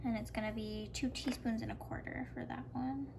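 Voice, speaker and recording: A woman's voice: fairly high pitch, fairly even intonation, a little fast, vocal fry. A young woman casually narrating a cooking tutorial in her home kitchen, chatty and talking through each step aloud. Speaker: cooking vlogger. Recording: noisy home recording.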